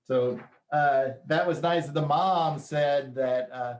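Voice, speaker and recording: A man hosting a casual chat, telling news stories in a relaxed, chatty way with plenty of fillers. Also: a little high, takes it slowly, reverberant. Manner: chatty storyteller with frequent fillers. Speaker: host.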